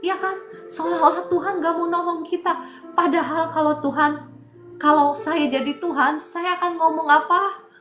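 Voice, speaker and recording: A woman with a high voice preaches a sermon, earnest and coaxing, often checking that her listeners agree. Her voice rings through an echoey hall while soft music plays underneath. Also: steady tone, moderate pace. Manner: earnest, coaxing, repeats "ya kan".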